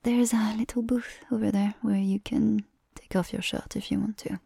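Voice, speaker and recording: In an ASMR roleplay, a woman plays a gentle, doting massage attendant, murmuring soothingly in a soft whisper with French endearments. Her husky, mellow voice has a gravelly creak beneath the breath, sitting at medium pitch with fairly even intonation and normal speed, in a dry, studio-quality recording.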